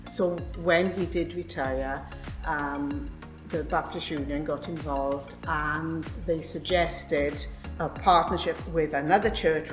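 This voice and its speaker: A woman's voice: deep voice, fairly bright tone. An older woman, a church secretary, talking hesitantly with frequent ums in an interview inside a church. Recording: roomy church with background music.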